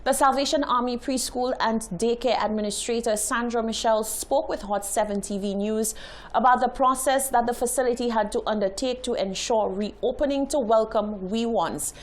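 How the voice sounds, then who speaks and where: Female news anchor, higher voice, formal, steady read. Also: moderate pace. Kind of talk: scripted news reading.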